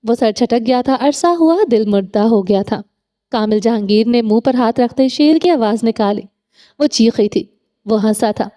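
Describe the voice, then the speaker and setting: A woman reading a romance novel aloud with steady, dramatic storytelling. Her voice is fairly high-pitched yet dark and mellow. Scripted audiobook narration.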